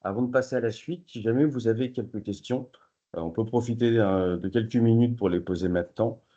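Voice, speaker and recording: Male event host, medium pitch, dark relaxed tone, muffled lo-fi sound. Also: fairly quick. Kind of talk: moderating a presentation. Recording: dull, lo-fi audio.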